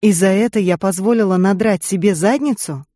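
A reader voicing a tough, battered female agent who speaks tersely and gruffly. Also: medium pitch, fairly quick, mellow, no echo, clean studio sound, close to an everyday voice.

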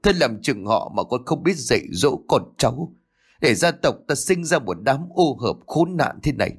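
A man's voice: mid-range voice, big pitch swings, normal speed, slightly rough. A man voicing a stern, furious older male clan head who scolds harshly and wails in grief, in a spoken ghost story. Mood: wailing grief.

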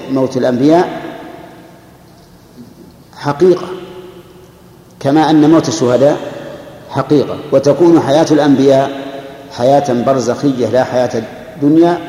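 A man explaining a classical poem to students, deliberate and repeating words as he thinks. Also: medium pitch, dark tone. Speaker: sheikh teaching a class. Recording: echoey lecture hall recording.

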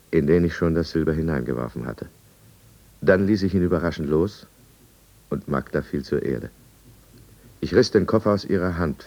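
In a 1950s radio drama, an actor with a deep, slightly mellow voice plays a brooding drunkard. As the first-person narrator, he recounts his own downfall in a deliberate, confessional way.

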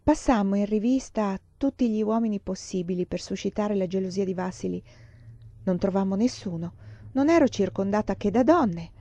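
A woman reading a novel aloud in a measured storytelling manner. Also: mid-range voice, lively intonation, mellow, dry recording. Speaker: reader.

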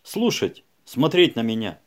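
A man's voice: medium pitch, very animated, a little slow. A man playing a tough, aggressive male detective who barks and mocks in an audiobook. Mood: bullying. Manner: shouting, bullying, scornful.

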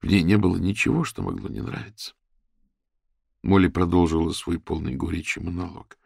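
A man narrating an audiobook in an expressive, scripted delivery. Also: low voice, fast, gravelly, breathy edge, no room sound, clean studio sound.

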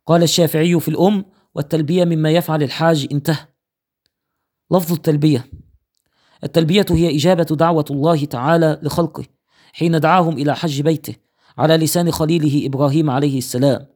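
A man's voice: a little high, fairly even intonation, fast, darkish tone. A man teaching Islamic jurisprudence, reading a fiqh text aloud, counting off points in order and citing his sources.

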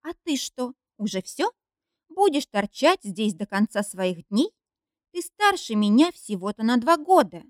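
Audiobook: clingy jealous young woman voiced by a woman reader, higher and louder, accusing, dry close sound. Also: very animated, unhurried, dry recording. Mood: pleading, jealous. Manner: emotional, accusing and whiny. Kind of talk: audiobook character reading.

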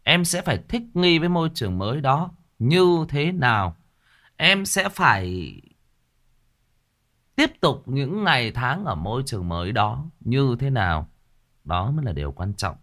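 Livestream host: a man, a blunt big-brother adviser, bright and expressive. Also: medium pitch, measured pace. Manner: animated, blunt big-brother advice, mocking at times. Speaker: streamer giving life advice. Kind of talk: casual livestream talk.

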